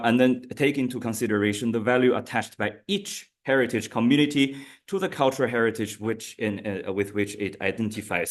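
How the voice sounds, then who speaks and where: A man with a Chinese accent presents an academic paper at a conference. His voice sits a little low, and he moves carefully through his points, stopping to restart phrases as he goes. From China. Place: conference hall.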